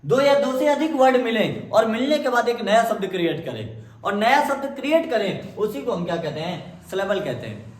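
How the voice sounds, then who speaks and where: A man's voice: high-pitched, sing-song, normal speed. A man teaching grammar in Hindi, asking questions and answering them himself and repeating key words for emphasis. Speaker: English teacher. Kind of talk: classroom grammar lesson in Hindi. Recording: echoey room.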